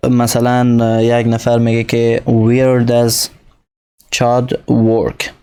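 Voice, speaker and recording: Man, English teacher, gravelly, mellow tone, slow English examples, quick explanations. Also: medium pitch, monotone. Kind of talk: recorded lesson explaining a textbook.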